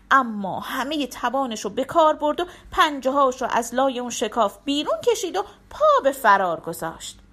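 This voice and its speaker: Animated woman telling a folk tale. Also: fairly high pitch. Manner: expressive, animated. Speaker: storyteller. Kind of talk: storybook narration.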